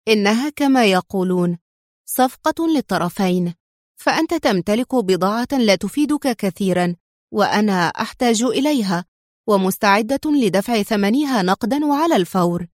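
A woman's voice: medium pitch, expressive, no room sound, clean studio sound, lightly acted. A woman voicing a bold, determined young woman who bargains in a cool, businesslike way. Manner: businesslike, cool, quick to turn sharp.

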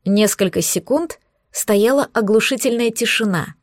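A woman narrating a novel in the first person, in an even, attentive storytelling manner. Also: fairly high pitch, normal speed, no room sound, studio quality. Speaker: audiobook narrator.

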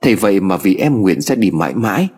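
A man narrating a ghost story in an expressive, dramatic reading style. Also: deep voice, fast, slightly rough, long reverb tail.

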